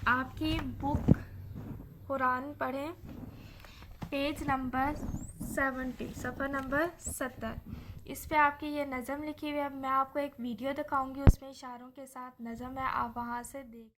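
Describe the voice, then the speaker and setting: A woman teacher giving a slow, patient lesson to young children, repeating phrases and leading them in reciting after her. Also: high-pitched, level tone, noisy background. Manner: leads call-and-repeat recitation. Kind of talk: online class lesson.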